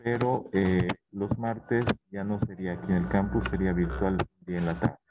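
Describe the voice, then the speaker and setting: Deep-voiced male teacher, noisy recording. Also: fairly even intonation, moderate pace, lo-fi sound. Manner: explanatory, keeps checking in with the class. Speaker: university teacher. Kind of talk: online class talk.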